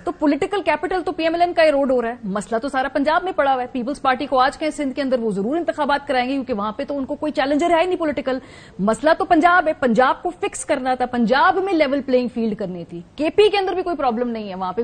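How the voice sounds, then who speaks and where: A woman analyst on a TV talk show, laying out political points and pressing the guest with pointed questions. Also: high voice.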